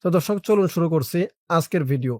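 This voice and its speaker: A man teaching Quran recitation in a lesson. He spells out letters and vowel marks slowly, then chants the verses in long drawn-out tones. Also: a little high, animated, dry recording, clean studio sound. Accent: Bangladeshi Bengali.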